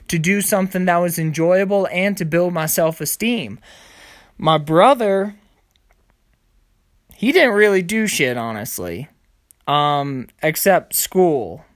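A man's voice: high-pitched, a little slow, no room sound, studio quality. Blunt, profane young man ranting. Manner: profane, blunt and ranting, mimics his parents in raised voices. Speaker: vlogger telling his own story. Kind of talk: casual storytelling monologue.

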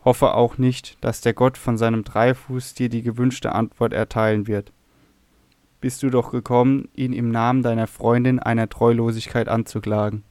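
A man's voice: mid-range voice, flat delivery, moderate pace, darkish tone, dry recording, close to an everyday voice. A man reading a sorrowful young temple servant. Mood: earnest. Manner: earnest, sorrowful.

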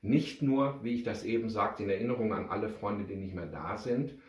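A man with a fairly low voice speaks fairly quickly, first reading a children's story expressively and then talking to his friends. The recording has a roomy echo.

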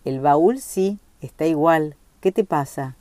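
A woman reading a story aloud, voicing a young woman who speaks quietly and teasingly. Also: low voice, slow, no echo. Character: young woman, playful then guarded.

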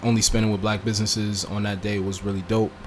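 A man co-hosting a casual podcast, talking in a relaxed, repetitive way. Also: lowish voice, fast talker, over a noisy crowd. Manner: relaxed, repeats words, drifts quieter. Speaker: podcast co-host. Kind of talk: casual chat.

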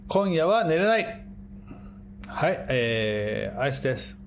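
A man's voice: medium pitch, sing-song, takes it slowly, creaky, slight background noise. A man with a Kumamoto accent hosting a casual podcast chat among acupuncturists, joking and slipping into broad dialect.

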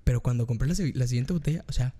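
Young Guatemalan man telling a story. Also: racing. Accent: Guatemalan Spanish. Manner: animated, acts out his own reactions in high squeals. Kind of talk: casual storytelling chat.

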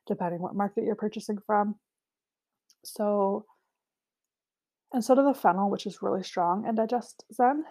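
A young woman talks her viewers through a product kit in an easygoing, chatty way, with many little fillers along the way. Her voice sits in an ordinary middle pitch but carries a gravelly fry and a dark, mellow color. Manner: chatty, filler-heavy, lists prices. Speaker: essential oil seller. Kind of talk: casual product walkthrough.

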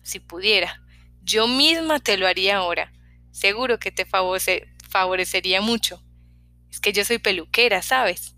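A woman's voice: mid-range voice, normal speed, dry recording, faint music behind. A woman reading a chatty young hairdresser. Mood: teasing. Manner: talkative, prying, lively questions.

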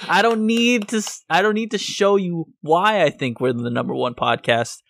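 A man's voice: high-pitched, moderate pace, gravelly, a bit bright, a little hiss or hum. A man hosting a casual podcast over an online voice call, joking, rowdy and swearing freely. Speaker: podcast host. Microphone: voice chat over an online call.

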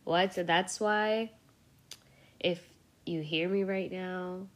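Slow, low-voiced sick young woman podcaster. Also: fairly even intonation. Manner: rambling, swears freely, laughs often. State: sick with a cold, congested voice. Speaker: podcast host. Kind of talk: casual solo podcast rant.

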